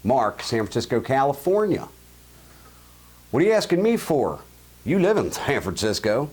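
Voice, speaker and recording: Very animated at a normal speed, this man has a medium-pitched, darkish voice with a breathy edge. Hosting his own show, the Baltimore native with a Highlandtown accent offers blunt, jokey opinions and replies to listener emails.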